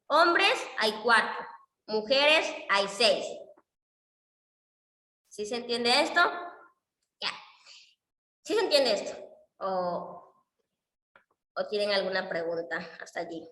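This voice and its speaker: A woman's voice: fairly high pitch, lively intonation, measured pace, long pauses, pushed and bright. A woman, patiently explaining coding in an online class and often checking whether students follow. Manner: patient, checks understanding with frequent "¿ya?". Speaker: economics instructor teaching R. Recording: echoey room with long reverb.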